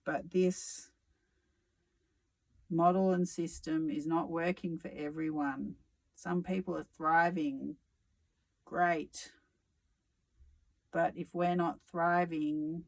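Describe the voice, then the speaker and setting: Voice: medium pitch, poor audio. A tarot reader giving a reflective solo reading, musing aloud with sarcasm and casual swearing.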